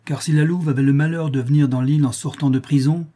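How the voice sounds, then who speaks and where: Mocking spiteful young woman, taunting, raised pitch, husky, put on by a man. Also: fairly even intonation, fast, dark tone, lightly acted.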